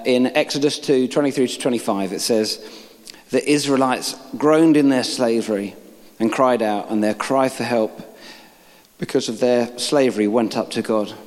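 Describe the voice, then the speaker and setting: A man's voice: medium pitch, a little mellow. Guy giving a laid-back sermon, reads bible verses, cracks little jokes at the crowd, big echoey church. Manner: reads scripture aloud, joking asides to the congregation. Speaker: preacher. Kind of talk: informal sermon. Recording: long reverb of a large hall.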